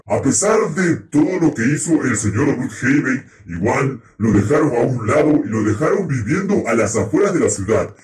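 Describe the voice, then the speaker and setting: A man's voice: mid-range voice, natural voice. A man voicing a grandiose, bossy ruler, scolding his sidekick and panicking when threatened in a game roleplay. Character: self-proclaimed boss, grandiose conqueror. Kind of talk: roleplay commentary in a video game. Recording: roomy echo, faint noise.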